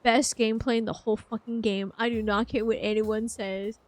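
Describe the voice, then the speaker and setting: A woman streaming a game reaction, chatty and excitable, greeting her viewers as she plays. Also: a little high, a little fast, no echo. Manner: gushing, excitable, with squeals and laughs.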